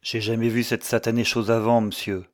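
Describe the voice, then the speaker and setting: A man voicing a gruff old male whaler who speaks in rough, colloquial sailor's talk in an audiobook. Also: fairly low pitch, flat delivery, fairly quick, lightly acted. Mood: defensive.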